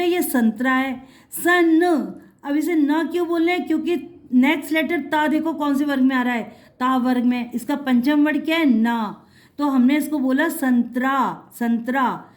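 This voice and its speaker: A woman with a high voice teaches Hindi letters to children. She speaks patiently, draws words out slowly and checks in with quick questions. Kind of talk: video lesson for children.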